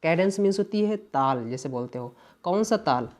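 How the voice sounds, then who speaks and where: Male English exam tutor with a soft, mellow tone, unhurried and explanatory. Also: a little high, expressive. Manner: explains patiently, mixing English terms into Hindi; keeps checking in with "है ना" and "ध्यान दीजिएगा". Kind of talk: exam paper walkthrough lesson.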